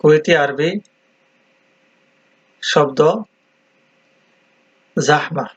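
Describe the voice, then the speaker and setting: A man teaching vocabulary, deliberately repeating each word several times. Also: a little high, little pitch movement, a bit bright. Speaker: language teacher. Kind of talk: slow vocabulary drill. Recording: dull lo-fi sound.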